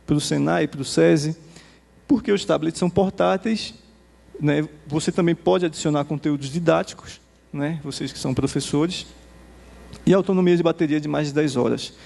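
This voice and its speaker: A Brazilian Portuguese-accented man giving a conversational conference presentation to teachers. He demos software and tags nearly every phrase with a quick "né?". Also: fairly high pitch, vocal fry. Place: conference hall. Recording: reverberant hall.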